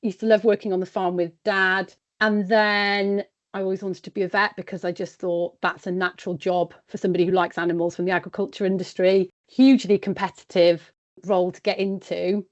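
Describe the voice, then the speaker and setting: A woman's voice: fairly low pitch, a little mellow. A woman from West Wales, speaking in a chatty, practical way as an independent sheep consultant in a podcast interview. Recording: dull, lo-fi sound.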